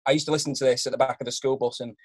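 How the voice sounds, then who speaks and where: A man's voice: medium pitch, level tone, very fast. A young adult man chatting playfully as a singer guest, rambling and poking fun at himself, often stumbling over his words. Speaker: singer guest on a song game. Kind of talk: playful casual chat.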